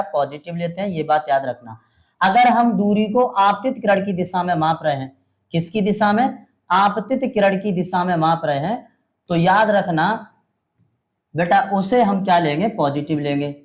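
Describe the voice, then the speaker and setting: Repetitive, coaxing male science teacher. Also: high-pitched. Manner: repeats each rule slowly, with quiz-like questions; calls students "beta" and "mere bhai". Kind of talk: classroom lecture.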